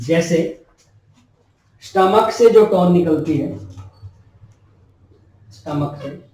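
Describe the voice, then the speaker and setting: High-voiced male teacher in an echoey room. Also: darkish tone, slight background noise. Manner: repeats key terms and asks the class questions. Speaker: nursing teacher. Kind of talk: classroom lecture. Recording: very echoey room, mic far off.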